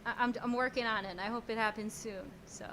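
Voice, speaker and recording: A guest songwriter from Montreal, a native French speaker, chats casually in a high voice at a quick pace with a steady tone. She's giggly and talkative, trailing off into restarts, while a crowd murmurs behind her.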